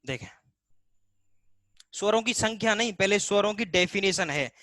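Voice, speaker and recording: A man's voice: sits high, moderate pace, sharp tone, dry recording. A man teaching a live online Hindi class, explaining step by step, voicing students' questions himself and stretching vowel sounds to demonstrate them.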